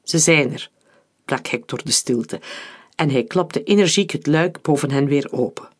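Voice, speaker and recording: A man narrating an adventure novel as an audiobook in a calm, steady reading. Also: fairly high pitch, normal speed, breathy edge. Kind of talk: scripted narration.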